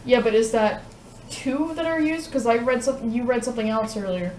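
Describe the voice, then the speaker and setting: A woman with a somewhat high voice runs the game briskly, calling turns and checking rules. She sits back from the mic in a roomy, echoing space with faint noise behind her. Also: a little mellow, distant mic. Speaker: board game player. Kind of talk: casual game-table chat.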